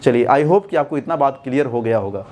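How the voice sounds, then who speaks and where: A man teaching a basic English grammar class. He asks the class questions and then answers them himself, and he slows right down to dictate when he spells words out. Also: mid-range voice, lively intonation, darkish tone. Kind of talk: classroom-style lesson explanation.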